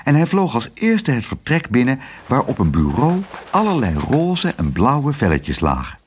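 A man reading a children's story aloud in a lively, expressive way. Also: mid-range voice, normal speed, a little hiss or hum.

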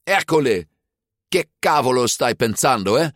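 A man reading a storybook, voicing a spirited girl who shouts encouragement and scolds in Italian. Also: medium pitch, animated, normal speed, no echo, studio quality, pitched above the performer's own voice, lightly acted. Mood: fiery. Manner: loud, encouraging, fiery.

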